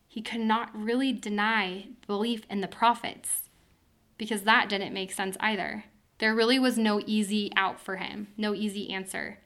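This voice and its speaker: A woman teaching a women's Bible study, telling the passage with earnest, expressive storytelling and dramatic pauses. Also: medium pitch.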